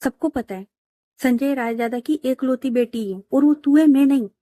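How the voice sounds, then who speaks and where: A woman's voice: sits high, normal speed, dark tone, dry recording, lightly acted. A woman voicing a young woman, a stubborn elder sister who scolds her sibling in a spoken audio story. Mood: scolding. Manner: blunt, scolding.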